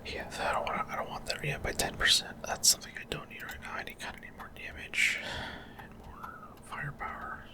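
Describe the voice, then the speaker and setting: Whispering softly and without voice, a man gives slow, hesitant commentary as he plays for an ASMR stream. His remarks tend to trail away into pauses.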